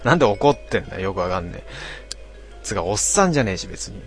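A man hosting a casual late-night stream, reading out listener comments with grumbling asides and frequent throat clearing. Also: on the low side, big pitch swings, fast, soft background music. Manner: grumbling, talks to himself, mock-annoyed asides.

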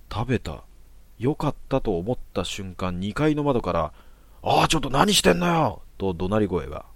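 Low-voiced man telling horror stories. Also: darkish tone. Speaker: storyteller. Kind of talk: narrated horror story.

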